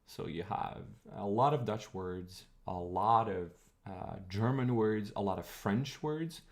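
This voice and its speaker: A man whose first language is Croatian gives a casual live-stream lecture on old words. His voice sits on the low side with a gravelly, creaky texture. He talks in a chatty, digressive way and thinks aloud with plenty of fillers. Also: slow pace. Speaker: streamer teaching linguistics.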